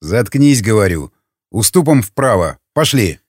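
A man voicing a gruff older male raider with a dry, mocking manner and curt commands. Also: fairly low pitch, sing-song, unhurried, dry recording, pitched below the performer's own voice, heavily acted. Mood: tense.

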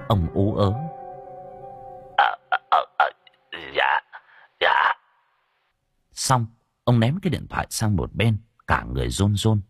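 A man narrates an audiobook story with expressive, animated phrasing. His voice is lowish and husky, and it is recorded dry and close. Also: no echo. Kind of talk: scripted narration.

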